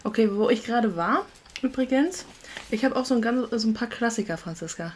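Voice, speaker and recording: A woman in her twenties co-hosting a podcast in casual chat, playful and teasing, quick to laugh. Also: on the high side, lively intonation, a little hiss or hum. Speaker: podcast co-host.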